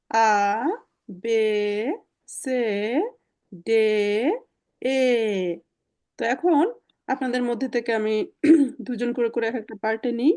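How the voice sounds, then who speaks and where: A woman leads an online language class, explaining slowly with frequent fillers. Her voice sits high but sounds mellow and soft. She is heard through a video call. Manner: patient, explaining step by step with many fillers. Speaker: German language teacher.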